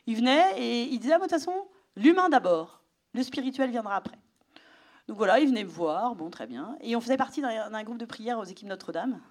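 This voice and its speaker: A middle-aged woman giving a personal testimony to an audience, telling her story with animation and sometimes dropping to a whisper. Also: medium pitch. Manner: animated storytelling, drops to a whisper for inner thoughts.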